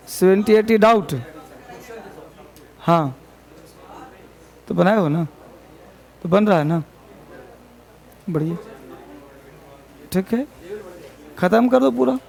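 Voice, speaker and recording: A man leads a grammar lesson in a classroom, his voice pitched high with a rough, gravelly texture. He repeats key points, corrects pronunciation and calls the students to order in a fond, chiding way. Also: lively intonation, extremely slow, long pauses, darkish tone. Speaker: English teacher.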